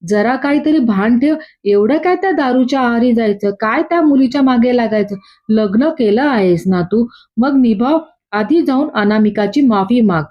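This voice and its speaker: A woman's voice: a little high, animated, moderate pace, close to an everyday voice. A woman voicing an older aunt who lectures a wayward nephew reproachfully. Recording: dull lo-fi.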